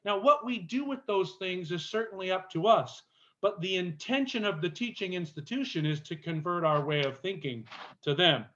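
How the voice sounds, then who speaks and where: A man with a fairly high voice gives an earnest Bible class lecture, pausing to stress key words as he explains the text. The recording sounds dull and lo-fi, like a camp class session. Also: lively intonation, pushed and bright.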